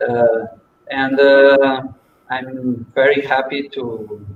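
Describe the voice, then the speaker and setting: Slow, halting man on a distant muffled mic. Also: mid-range voice, steady tone. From Portugal. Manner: hesitant, many restarts. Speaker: restaurant owner. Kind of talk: online panel introduction. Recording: distant, roomy, muffled with faint noise.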